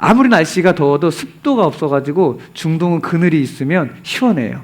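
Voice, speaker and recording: A man's voice: fairly high pitch, animated, brisk. A male pastor preaching a sermon, telling the story with animation and asking the congregation rhetorical questions, sometimes dropping to a near whisper for emphasis.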